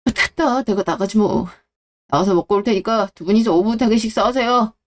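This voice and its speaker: A woman's voice: mid-range voice, fairly quick, close to an everyday voice. A woman voicing a callous, selfish middle-aged husband who talks scornfully and dismissively. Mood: irritated. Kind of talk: Korean audio drama reading.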